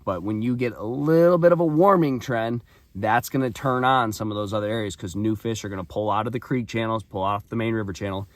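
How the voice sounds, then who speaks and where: A hoarse man with a raspy voice, giving practical fishing advice straight to his viewers in a casual vlog. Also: lowish voice, fairly quick, no echo. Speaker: fishing channel host.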